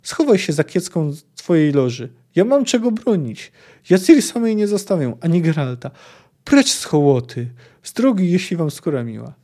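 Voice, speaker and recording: A man reading aloud and voicing a proud, possessive sorceress who speaks in a sharp, commanding, scornful way. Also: fairly high pitch, very animated, normal speed. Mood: defiant. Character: proud furious female sorceress, possessive and cutting.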